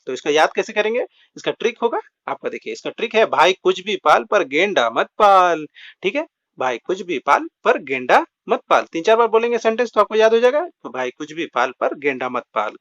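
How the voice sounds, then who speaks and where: Male quiz-prep teacher, high and lively delivery, lots of filler asides, dull lo-fi mic. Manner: repeats filler words like "dosto" and "theek hai"; explains with rhymes and mnemonic tricks. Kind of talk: exam-prep lesson. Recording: dull lo-fi recording.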